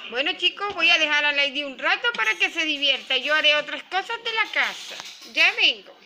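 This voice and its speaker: A woman's voice: high voice, animated, fairly quick, very noisy. A woman with a Latin American Spanish accent, hosting a toy channel and playing mother to a crying baby doll in a sweet, coaxing voice.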